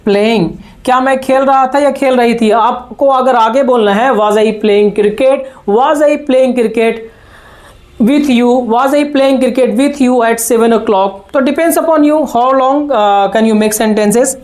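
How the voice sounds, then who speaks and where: A man teaching spoken English with an Indian accent. He explains in quick bursts and repeats drill sentences slowly. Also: extremely high pitch.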